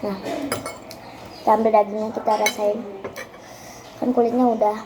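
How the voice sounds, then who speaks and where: A woman does a casual mukbang, talking to viewers as she eats. She is recorded at home without a proper microphone, with clear household noise and clinking dishes behind her. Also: medium pitch, flat delivery, normal speed. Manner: talking while eating. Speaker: mukbang vlogger. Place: busy home with many people. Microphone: built-in device mic, no separate microphone. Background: household noise, clinking cutlery and dishes.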